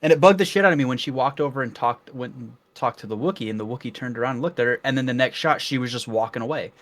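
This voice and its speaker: A man co-hosting a casual reaction chat, animated and swearing freely as he complains. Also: mid-range voice, quick pace. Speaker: reaction show co-host.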